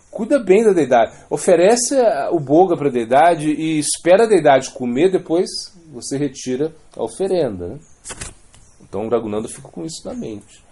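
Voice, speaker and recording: Brazilian man, devotional talk; lively pitch, mellow tone, chatty and meandering. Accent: Brazilian Portuguese. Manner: conversational, keeps adding "né?" and restarting phrases. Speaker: devotional speaker. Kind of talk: spoken religious talk with storytelling.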